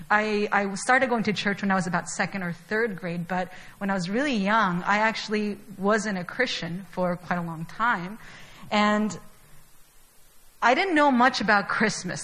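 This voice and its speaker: A woman's voice: fairly high pitch, sharp tone, low-quality recording. A young adult woman from Chile giving a sermon in a casual, chatty way, with many fillers. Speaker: preacher.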